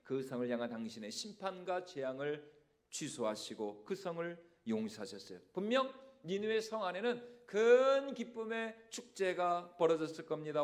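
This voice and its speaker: A male senior pastor preaching a Sunday sermon in a church sanctuary, animated and questioning the congregation. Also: sits high.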